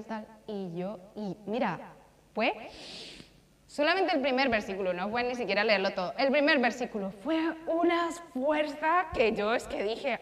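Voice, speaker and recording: A young woman preaching a sermon in a church, emphatic and repeating phrases for stress. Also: a little high. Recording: long reverb of a church hall.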